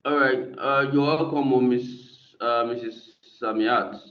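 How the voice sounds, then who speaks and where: A man's voice: mid-range voice, steady tone, takes it slowly. A man teaching an online class, talking hesitantly with many fillers, heard through a screen-recorded video call. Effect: screen-recorded video call audio. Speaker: instructor. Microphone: computer mic on a video call. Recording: dull, echoey video-call audio.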